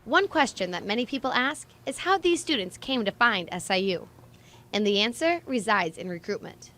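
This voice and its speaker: A woman's voice: medium pitch, animated, normal speed, pushed and bright. A young woman reporting a student news story in scripted narration, with an upbeat, punny delivery.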